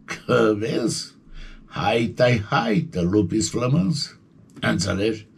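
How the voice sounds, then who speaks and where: A man giving animated showbiz gossip commentary, colloquial and excitable, with yelping interjections. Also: lowish voice, vocal fry, husky.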